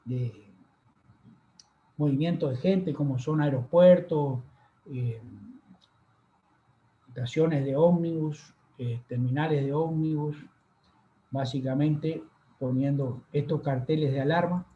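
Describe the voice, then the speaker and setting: A man giving a university lecture over slides, unhurried and full of fillers and pauses. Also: fairly high pitch. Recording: echoey room, dull lo-fi sound.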